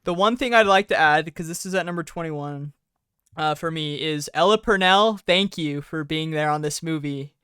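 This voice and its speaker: A man's voice: a little high, moderate pace, bright, forceful tone, clean tone, no room sound, clean studio sound. A man co-hosting a movie podcast from his own mic on a remote call, chatting with wry jokes. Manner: jokey, wry asides. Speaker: podcast co-host. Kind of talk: casual chat. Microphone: own mic over a remote call.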